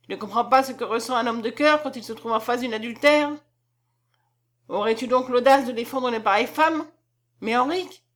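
A woman reading the lines of a pompous, foolish young count who gives stiff, self-righteous commands and shouts at his wife. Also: on the high side, moderate pace, lightly acted. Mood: harsh, commanding.

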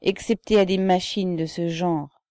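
A woman's voice: on the low side, fairly even intonation, a little slow, mellow, dry recording, clean studio sound, lightly acted. A woman voicing a sullen, awkward pockmarked young man in an audiobook, speaking in a muffled, plaintive way. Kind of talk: audiobook character voice.

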